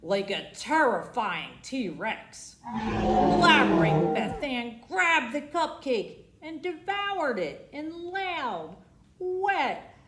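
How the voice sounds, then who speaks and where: A high-pitched woman performs a children's storybook as a library storytime host, dramatic and frequently asking the little ones questions. There's slight background noise and an echoey room sound.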